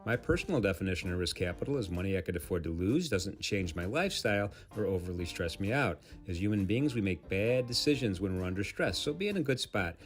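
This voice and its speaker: A man reading a scripted trading risk disclaimer in a brisk, advisory way. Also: low-pitched, lively intonation. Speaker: disclaimer narrator. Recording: faint guitar music under voice. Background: music.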